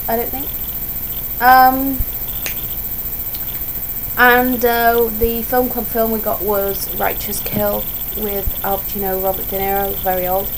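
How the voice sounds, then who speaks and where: A young woman talks casually to her vlog viewers while feeling sick, her voice strained and close to giving out. She drifts between tangents in a chatty way, at an average pitch for a woman. The homemade recording has clearly audible noise behind her. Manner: digressive, chatty, self-interrupting. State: ill, voice strained and starting to go. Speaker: vlogger. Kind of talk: casual rambling vlog chat. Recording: noisy home vlog recording.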